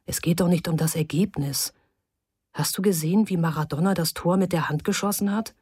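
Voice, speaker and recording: A gentle, cautious grown man from a storybook, read by a woman in a low, dry voice. He talks softly and carefully, coaxing rather than pushing. The reading is close and plain, with no room sound. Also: fairly quick, breathy edge, no echo. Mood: earnest.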